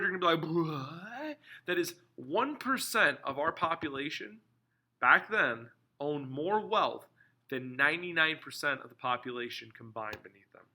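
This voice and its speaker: A man teaching history in a lively video lecture, repeating key names and terms to drill them in. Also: on the high side.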